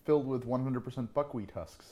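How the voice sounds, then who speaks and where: A man chatting casually in a group conversation, often halting and repeating words with filler sounds as he explains. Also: medium pitch, warm tone, a little hiss or hum. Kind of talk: casual chat.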